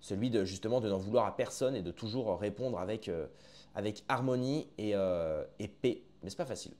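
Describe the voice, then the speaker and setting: A man's voice: on the low side, brisk, a little mellow. A man giving casual reaction commentary to his online viewers, chatty and often restarting his sentences, calling the audience his friends.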